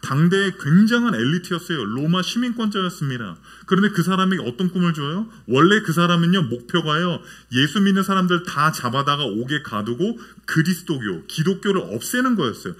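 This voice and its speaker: A man's voice: a little high, sing-song, brisk, few pauses, a bit bright, husky. A man in his thirties preaching a sermon as a church pastor, often asking the congregation questions. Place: church sanctuary.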